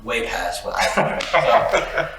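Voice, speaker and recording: A man's voice: slow pace, sharp tone, distant mic. A young man, a musician guest born in Colombia and raised in the United States, talking in an easygoing, thoughtful way with many fillers. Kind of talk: casual interview chat. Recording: very echoey room, off-mic, faint hiss.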